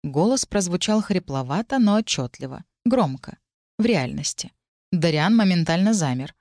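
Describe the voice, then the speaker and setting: A woman narrating a first-person fantasy audiobook in an even, measured storytelling manner. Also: fairly low pitch, dry recording, clean studio sound.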